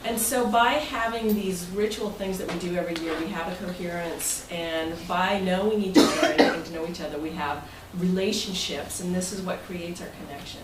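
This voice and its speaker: Her voice is lowish and fairly even, moving fairly quickly with few pauses. She's the club's president, chatting conversationally with members present in an indoor meeting room. The recording comes from a distant mic in a roomy, noisy space.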